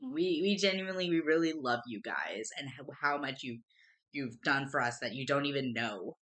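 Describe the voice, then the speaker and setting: A woman streamer talks casually to her chat, emotional and rambling. Her voice sits low yet sounds bright and edgy, and she often trips over her words and starts again. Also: lively intonation, moderate pace. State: tearful at times. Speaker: streamer co-host.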